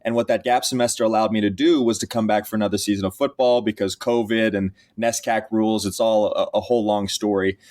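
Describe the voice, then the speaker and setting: A man's voice: lowish voice, steady tone, fast talker, few pauses, darkish tone. A young man in his twenties from Texas, a college athlete who is the guest on a podcast interview and tells his story earnestly, with frequent restarts. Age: 20s.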